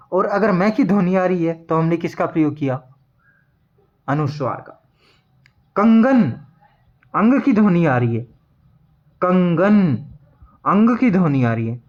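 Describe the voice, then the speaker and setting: A man's voice: a little high, dull audio. Hindi grammar teacher quizzing his class. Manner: repeats words slowly, asks and answers his own questions. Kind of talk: classroom lesson at a board.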